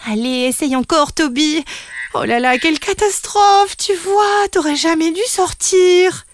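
A woman's voice: extremely high pitch, a little slow, no echo, clean studio sound, pitched above the performer's own voice. A woman voicing an overprotective mother kangaroo, fretful and cooing, in a storybook tale.

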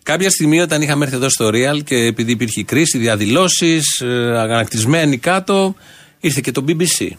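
A man who hosts a radio show, chatting in an interview in a joking, quick way. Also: mid-range voice, animated. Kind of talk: casual interview chat.

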